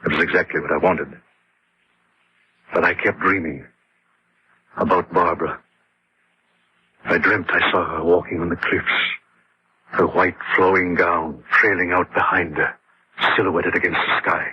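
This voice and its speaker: In an old radio horror drama, an actor plays an exhausted, grieving man who confesses the story of his haunting, sounding numb and haunted. His low voice barely moves in pitch, keeps a measured pace with long pauses, and comes through a dull, lo-fi recording with slight background noise.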